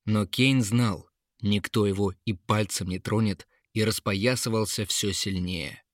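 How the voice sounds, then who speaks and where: A man narrating a fairy tale audiobook with expressive storytelling. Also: fairly low pitch, measured pace, no echo, studio quality.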